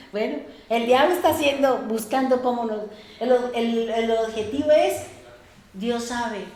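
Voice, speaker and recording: A woman pastor preaches in a high, bright voice, telling stories in a lively way and acting out the voices of people she quotes. Her words ring through an echoey church room. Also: a little slow. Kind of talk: sermon.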